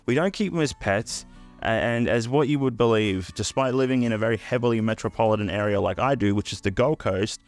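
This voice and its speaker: A man's voice: lowish voice, a little fast, faint music behind. A man in his twenties, from the UK and raised in Australia, chatting in a crude, sarcastic comedic vlog. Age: 20s. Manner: crude, sarcastic, swears freely. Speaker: YouTuber.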